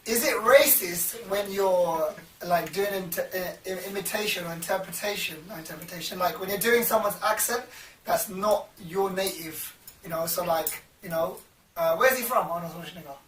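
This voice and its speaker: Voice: mid-range voice, moderate pace, fairly bright tone, slight background noise. A speaker in a casual panel discussion, talking loosely with many fillers and some emphatic points. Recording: roomy, distant mic with faint music.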